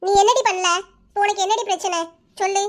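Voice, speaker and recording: A woman's voice: very high voice, fairly even intonation. Woman voicing a bossy village neighbor. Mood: scolding. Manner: fast, sharp scolding. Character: brisk young village neighbor woman, bossy but caring. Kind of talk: cartoon voice-over.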